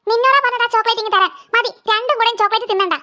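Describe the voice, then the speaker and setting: A woman's voice: very high-pitched, rapid-fire, sharp tone. A woman voicing a fed-up mother who scolds her squabbling daughters in a cartoon. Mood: scolding. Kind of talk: cartoon voice acting.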